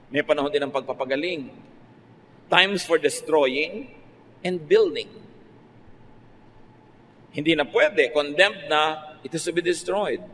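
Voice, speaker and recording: This is a pastor with a Filipino accent delivering a conversational radio sermon, switching between Filipino and English and breaking into sudden lively pitch rises. Faint noise and a long reverb color the recording.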